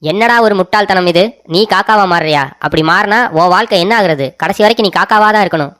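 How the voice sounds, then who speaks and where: A man's voice: high voice, fast talker, fairly bright tone. Man doing a boastful old forest sage, short on patience, cartoon story. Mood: impatient. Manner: impatient, boastful.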